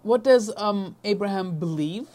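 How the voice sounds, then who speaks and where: A woman teaching a Bible class in short, measured phrases, pausing often for an interpreter. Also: mid-range voice, expressive, mellow. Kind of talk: Bible lesson with consecutive interpreting.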